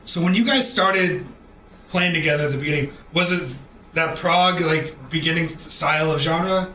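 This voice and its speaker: A man's voice: a little high, normal speed, bright, forceful tone, roomy sound, slight background noise. A man hosting a radio show, interviewing a band in an easygoing, loose way. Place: radio studio.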